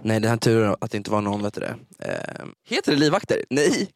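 A man's voice: fairly low pitch, big pitch swings, no echo. A young man in casual podcast chat, speaking wryly, complaining at length and swearing offhandedly. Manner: wry, swearing, drawn-out complaints.

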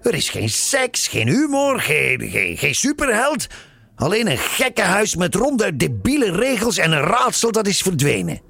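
A man voicing a drunk, crude man who complains loudly. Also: high-pitched, wildly swooping pitch, normal speed, vocal fry, slightly rough, voice pushed up, exaggerated voice. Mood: scornful. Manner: loud, scornful complaining.

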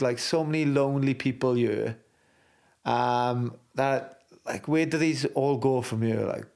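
A man's voice: mid-range voice, darkish tone. A middle-aged man, a former rugby player, talking frankly and swearing freely as an interview guest, full of restarts. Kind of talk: candid interview talk.

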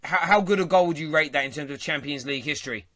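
A man's voice: fairly high pitch, fast, a bit bright. A man hosting a football phone-in, chatting casually and teasing callers. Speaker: radio phone-in host.

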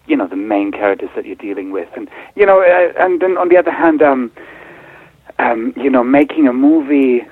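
A man's voice: medium pitch, lively intonation, normal speed, breathy edge, dry recording. A man who grew up in Germany, a film director answering interview questions with many ums and restarts. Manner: hesitant, many fillers and restarts. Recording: tinny phone-like line.

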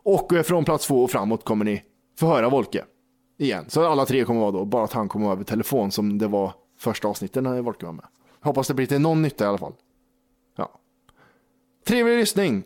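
A man's voice: mid-range voice, expressive, a little mellow. A man co-hosting a casual podcast, joking and swearing a lot. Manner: jokey, swears a lot, acts out silly scenes. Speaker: podcast co-host.

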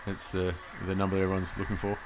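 An Australian man talks football casually as a podcast host watching play unfold. His voice sits fairly low, and there is faint ambient noise behind him. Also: monotone, quick pace. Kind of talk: casual live football commentary chat.

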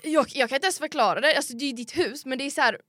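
Young female co-host, high and dry, dramatic storyteller full of fillers. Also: no echo. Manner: animated, dramatic, with frequent fillers. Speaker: podcast co-host. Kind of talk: casual storytelling chat.

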